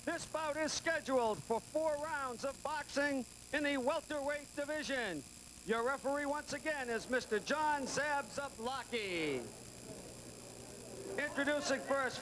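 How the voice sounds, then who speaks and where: Guy ring announcer, really high voice, slow drawn out boxing intros, noisy live venue. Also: lively intonation.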